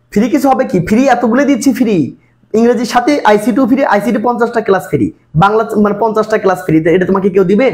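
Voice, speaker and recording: A man runs a live online English exam-prep class. His voice sits fairly high and the words come out rapidly. He keeps coaxing students with the same questions over and over. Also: a little mellow. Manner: repetitive coaxing, constant quiz questions to students. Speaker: English tutor.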